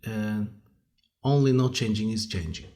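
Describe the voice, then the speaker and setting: A man from Azerbaijan with an Azerbaijani accent, speaking as an interview guest in casual, halting English and searching for words. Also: lowish voice, warm tone. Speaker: guest, musician and conductor.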